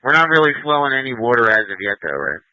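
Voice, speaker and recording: A male fire incident commander speaks fast over a two-way radio, his mid-range voice sing-song against a noisy background. He directs crews, confirms what they report and reads details back to verify them. The fire radio audio sounds muffled.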